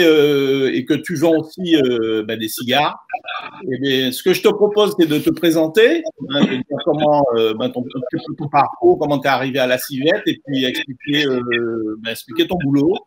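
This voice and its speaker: A man co-hosting a live online chat, halting and repeating words with many fillers. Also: medium pitch, animated. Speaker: co-host.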